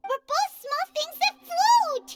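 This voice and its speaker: A woman voicing a tiny, excitable female floating fairy companion with a shrill, chattering, dramatic way of talking, heard as game audio. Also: slow, exaggerated voice. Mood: dramatic panic. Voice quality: shrill, chattering, speaks of herself in third person. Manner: dramatic, exclamatory. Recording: game audio under music. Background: game music.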